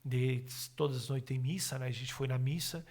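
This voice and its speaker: A man's voice: mid-range voice, normal speed. A middle-aged man, telling his personal testimony as a podcast guest and acting out the words of the people in it. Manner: animated, acts out his own and others' words.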